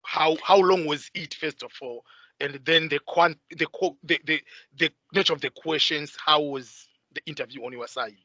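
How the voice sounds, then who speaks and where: Bright-voiced man hosting a video interview. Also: a little high, normal speed, no echo, highs cut off. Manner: hesitant, frequent "uh" fillers. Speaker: host. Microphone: video call.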